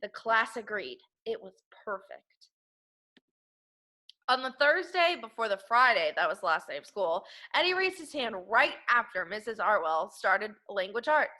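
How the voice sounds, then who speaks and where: In a medium-pitched voice and at a slightly slow pace, a woman gives an animated read-aloud of a children's picture book. She sounds like an elementary school teacher, with expressive, emphatic narration pitched at young kids.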